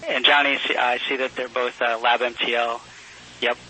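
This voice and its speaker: A man's voice: mid-range voice, little pitch movement, brisk, pushed and bright. A man working as a mission control communicator, speaking in formal procedural calls and readbacks over a hissy space radio link. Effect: crackly space radio link.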